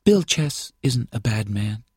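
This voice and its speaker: A man reading an audiobook, voicing a friendly, persuasive young woman from a small town in a high, breathy voice. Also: very animated, normal speed, dark tone, no echo, studio quality.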